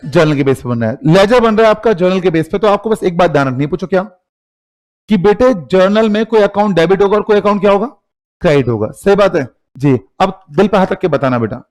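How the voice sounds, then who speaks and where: A man's voice: high voice, a little mellow. A man with an Indian accent teaching accounting in a live classroom, teasing and quizzing students with call-and-response questions.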